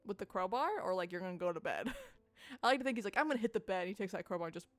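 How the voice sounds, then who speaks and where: A woman's voice: fairly low pitch, expressive, quick pace, faint music behind. A woman streamer reading a dating sim aloud, with playful, swearing asides.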